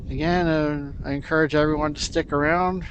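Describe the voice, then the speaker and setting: A man gives casual livestream commentary in a slightly high voice. He sounds unhurried and musing, with faint ambient noise behind him. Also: steady tone, muffled recording. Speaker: livestream host. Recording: faint outdoor background noise.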